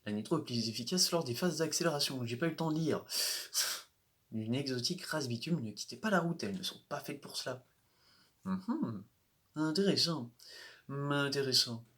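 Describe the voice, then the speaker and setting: Unhurried man commenting on a game. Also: a little high. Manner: unhurried, hesitant, with many restarts and chuckles. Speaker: gaming video host. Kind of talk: casual gameplay commentary.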